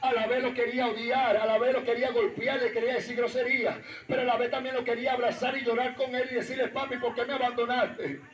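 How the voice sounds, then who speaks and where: High-voiced Venezuelan pastor, echoey and distant. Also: male voice, little pitch movement, fast, few pauses. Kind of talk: personal testimony sermon. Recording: echoey, distant, dull sound.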